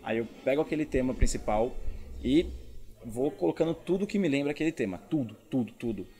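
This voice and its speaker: A man's voice: medium pitch, expressive, a little fast, dark tone, faint music behind. A man with a Brazilian accent, a comedian explaining things casually in an interview, repeating words for emphasis. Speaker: stand-up comedian being interviewed.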